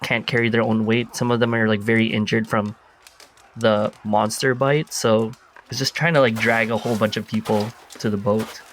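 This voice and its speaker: A man's voice: fairly low pitch, little pitch movement, moderate pace, slight background noise. A man playing a tabletop game, describing his character's actions in a rambling way. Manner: rambling, frequent "like". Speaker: player. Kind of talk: in-character narration.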